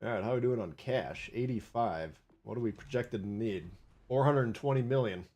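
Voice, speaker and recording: A man with a Minnesota accent hosts a live gameplay stream in a loose, wisecracking way. He talks through his matches and answers viewer comments as they come in. His voice sits at an ordinary middle pitch. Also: a little fast, dark tone. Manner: chatty, wisecracking, reads viewer chat aloud. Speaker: livestream gaming host.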